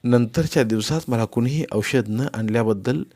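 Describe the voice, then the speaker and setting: Male narrator, audiobook reading, first-person novel, expressive, mid pitch. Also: moderate pace. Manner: expressive, voices the characters.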